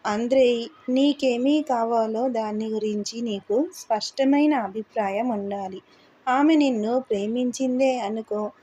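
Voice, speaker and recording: A woman's voice: on the high side, a little slow, dark tone, slight background noise, natural voice, rough recording. Grave young activist, read by a woman. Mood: stern. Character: stern serious young man, a worker-activist.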